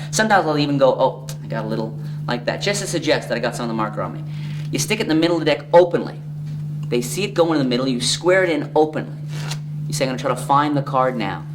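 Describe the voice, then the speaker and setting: A man talking in card magician patter, explaining a trick step by step in a conversational way as he demonstrates it. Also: on the high side. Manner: conversational, demonstrating as he talks, broken-off phrases. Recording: clearly noisy, humming background.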